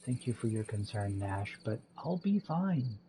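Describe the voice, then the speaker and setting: A man voicing a calm, earnest young female mage heir. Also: on the low side, measured pace, slight background noise, poor audio.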